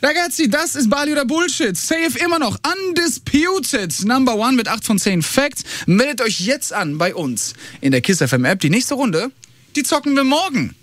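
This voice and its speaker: A male radio host running an on-air quiz game with a caller, energetic and slangy, dropping in English words. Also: extremely high pitch, normal speed, no room sound. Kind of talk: upbeat radio game show hosting.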